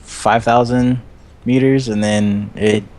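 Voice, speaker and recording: A young man playing a game with a friend, chatting casually and swearing freely, his pitch jumping when he gets animated. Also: takes it slowly. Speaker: guest player. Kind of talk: casual gameplay chat.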